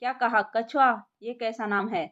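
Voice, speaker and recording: A woman's voice: a little high, steady tone, moderate pace, fairly bright tone, close to an everyday voice. Woman playing a stern bossy policewoman. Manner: bossy, scolding, interrogating. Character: stern tough young policewoman. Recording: lo-fi muffled recording.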